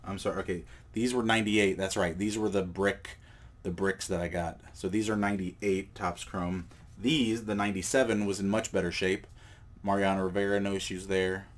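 A deep-voiced man with a cold, speaking at a moderate pace, presents cards at an indoor table for his card collecting channel. His casual show-and-tell talk is relaxed and meandering, with fillers and self-corrections throughout.

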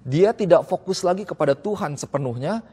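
A man preaching a sermon in a relaxed, conversational way, reading verses and then explaining them casually. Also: fairly high pitch, fairly quick, husky. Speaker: pastor. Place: church hall. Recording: long reverb in a church hall.

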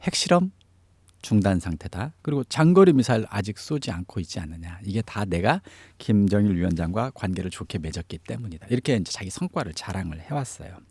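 A man's voice: lowish voice, lively intonation, brisk, a little mellow, husky, no room sound. A man giving explanatory analysis as a political commentator in an interview, stressing key phrases. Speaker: news commentator on North Korea affairs.

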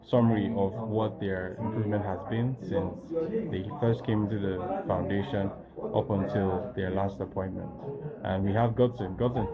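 Man, 30s, casual walking tour, relaxed with fillers, phone mic, loud crowd chatter behind. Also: low voice, lo-fi sound. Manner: relaxed, pauses with frequent fillers. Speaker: foundation representative giving a clinic tour. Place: outdoor yard and indoor clinic rooms. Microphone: phone camera held while walking.

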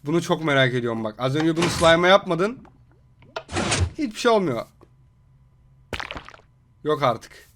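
A young man giving casual, excitable reaction commentary on gaming videos, exclaiming and joking in mock outrage. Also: on the high side, unhurried, pauses often, slight background noise.

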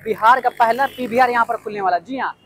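A man's voice: very high voice, fairly quick, fairly bright tone, a little hiss or hum. A man from Bihar, vlogging outdoors at a building site. He sounds eager and hyped and keeps repeating his main points. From Bihar, India. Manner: eager and hyped, often repeats key points with "yes indeed". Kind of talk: on-location walkaround vlog.

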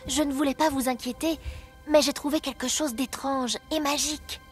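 Squeaky, eager little girl mouse, earnest, voiced by a woman narrator. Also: steady tone, moderate pace, close to an everyday voice. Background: game music.

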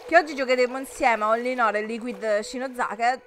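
Over music, a woman in her 30s with a high-leaning voice and fairly even intonation speaks briskly as she games on a live stream. Her casual chat with viewers jumps around, and she laughs frequently.

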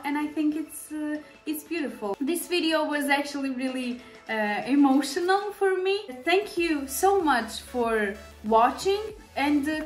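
A Serbian beauty vlogger gives a makeup tutorial straight to camera, addressing viewers directly. Her voice sits high, and she's chatty and full of fillers. She's in a small, echoey indoor room with shelves.

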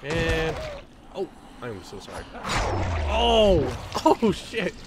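Animated, high-ish male gamer. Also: drawn-out words, very noisy. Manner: loud excitable reactions, swearing and laughing. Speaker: gaming YouTuber. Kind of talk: let's play commentary.

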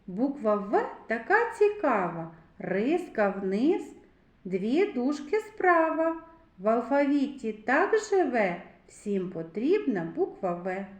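A woman teaching a literacy lesson to preschool children in a slow, clear, sing-song teacher's voice. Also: fairly high pitch, very animated, roomy sound.

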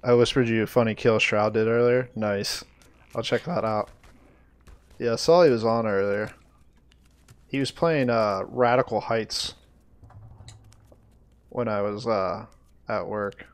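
A man streaming a game live, chatting to viewers, easily frustrated, swearing and breaking into loud surprised outbursts. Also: fairly low pitch, measured pace, long pauses, smooth. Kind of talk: live gameplay commentary.

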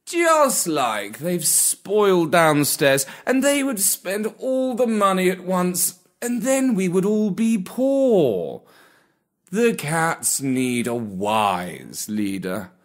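Narrator doing a pompous old aristocrat cat, slow, superior drawl. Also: medium pitch, sing-song, pitched above the performer's own voice. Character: fat old aristocratic male cat, smug.

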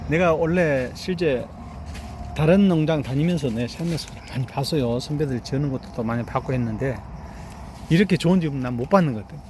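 A fairly high-pitched, slightly mellow male voice talks quickly, with a little background noise. The speaker, a middle-aged grape farmer, walks through an outdoor vineyard in a casual vlog, proudly bragging about his harvest and repeatedly urging "look here," often adding "eh?"

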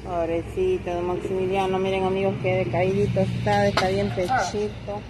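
A woman's voice: medium pitch, flat delivery, normal speed. A woman vlogger chatting casually outdoors and narrating to viewers from behind a handheld phone. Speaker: vlogger filming a charity visit. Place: outdoors at a shack doorway. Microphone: handheld phone, behind the camera. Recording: clear outdoor background and vehicle noise.

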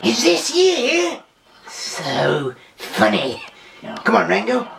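A pet video creator gleefully putting on a silly voice for a pet bird, in excitable, joking chatter. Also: medium pitch, extremely slow, gravelly. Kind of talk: playful pet-voicing vlog chatter. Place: indoors at home with pet birds. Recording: distant mic with loud background noise.

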